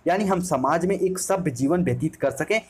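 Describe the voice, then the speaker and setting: A man's voice: fairly high pitch, moderate pace, slight background noise. A man teaching an exam-prep lecture, explaining each point by restating it and calling his listeners "my brother".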